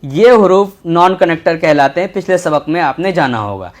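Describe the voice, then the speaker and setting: A man teaching a children's Urdu lesson, patient and slow, repeating each letter as he writes. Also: fairly high pitch, expressive. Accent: Indian Urdu. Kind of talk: textbook lesson for young children.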